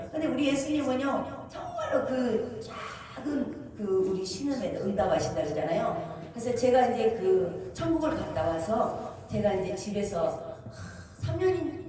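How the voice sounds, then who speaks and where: A woman who directs a prayer house, giving an animated testimony sermon and acting out dialogues with frequent laughter. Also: fairly high pitch, a little hiss or hum. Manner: animated storytelling, acts out dialogues, laughs often. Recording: echoey hall from far off.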